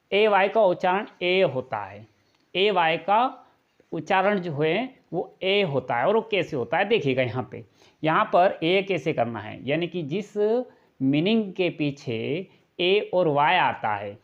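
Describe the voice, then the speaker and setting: In a classroom-style video lesson, a man with a voice on the high side teaches English pronunciation step by step. He patiently repeats each point and asks rhetorical questions. The audio sounds dull.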